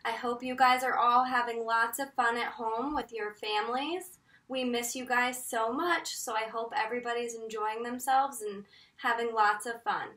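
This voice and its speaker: An American woman in her thirties leading a lesson for young children as their teacher, with a singsong, encouraging manner and drawn-out emphasis. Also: on the high side, fairly even intonation, bright, forceful tone. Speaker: preschool teacher leading circle time. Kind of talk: children's lesson with call-and-response. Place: indoor room at home, in front of wall board. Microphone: camera a couple of metres away. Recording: roomy echo, distant microphone.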